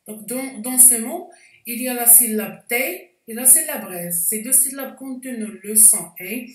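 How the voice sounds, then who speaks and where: A woman teaching a spelling lesson, explaining slowly and carefully with frequent hesitations. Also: high-pitched, a little hiss or hum. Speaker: French teacher. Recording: echoey room, voice distant from mic.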